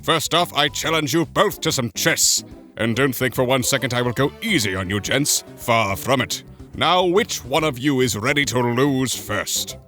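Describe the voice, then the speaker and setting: Toadsworth, bright pompous old steward. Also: male voice, medium pitch, lively intonation, moderate pace, faint music behind. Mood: boastful. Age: older. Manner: pompous, old-fashioned formal phrasing. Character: fussy, pompous elderly male royal steward, competitive. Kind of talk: cartoon voice acting in a comic dub.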